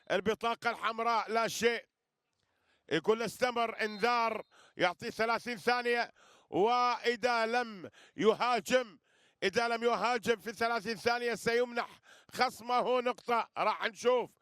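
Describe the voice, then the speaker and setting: A man's voice: extremely high pitch, sharp tone, clean tone, no echo, clean studio sound. A man giving live wrestling commentary, repeating phrases and addressing listeners with flourishes. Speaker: sports commentator.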